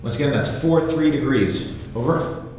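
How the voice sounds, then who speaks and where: A man's voice: mid-range voice, moderate pace, darkish tone, slight background noise, lightly acted. A man playing a businesslike paranormal investigator who reads meters, in found-footage horror film style. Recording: very echoey hall, music behind.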